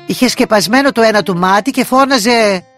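A woman narrating a bedtime story expressively, voicing the characters' lines. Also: fairly high pitch. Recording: dry close recording with soft guitar music.

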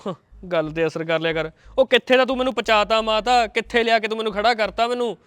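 Guy playing a punjabi son bickering with his mom, talks super fast, pretty high clear voice. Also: a bit bright, no echo, studio quality. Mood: arguing. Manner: quick, arguing, mocking. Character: frustrated grown son arguing with his mother.

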